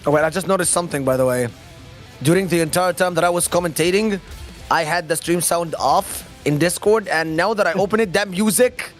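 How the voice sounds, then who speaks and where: A man doing live esports commentary, excitable, explaining the game's mechanics. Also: high-pitched, fairly quick, faint music behind. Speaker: esports caster.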